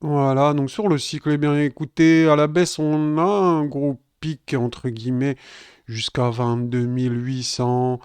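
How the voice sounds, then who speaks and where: Talking straight to his viewers and addressing them as "les gars," this streamer walks through crypto charts live in a relaxed, chatty way. He speaks at a medium pitch, a little slowly, with fairly even intonation and a slightly mellow, clean tone free of echo.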